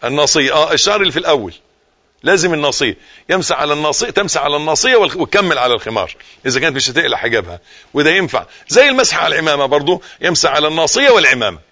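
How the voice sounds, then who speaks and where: A man with an Egyptian accent giving a live religious lesson, repeating key phrases and dropping from forceful emphasis into hushed tones. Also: fairly high pitch, sing-song, very fast, dull audio. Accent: Egyptian Arabic. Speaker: religious teacher.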